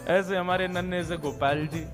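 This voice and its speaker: A male preacher tells a devotional story in a high voice. He narrates in a lively way and acts out the characters. Faint music plays behind him.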